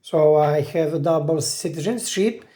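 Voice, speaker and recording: A Croatian woman in her 40s, an IT specialist whose first language is Italian, talks to the camera in a casual monologue. Her voice sits low with a warm tone, and her delivery is halting, with frequent pauses to search for words and many restarts.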